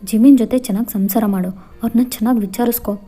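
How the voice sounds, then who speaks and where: A woman's voice: fairly high pitch, steady tone, quick pace, mellow, faint music behind, close to an everyday voice. A woman voicing a middle-aged mother who lectures her daughter in a scolding tone. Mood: lecturing.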